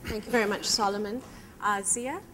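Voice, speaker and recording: A woman's voice: mid-range voice, fairly even intonation, brisk, fairly bright tone, slight background noise. A woman moderating a conference panel, introducing the panelists politely with some hesitation.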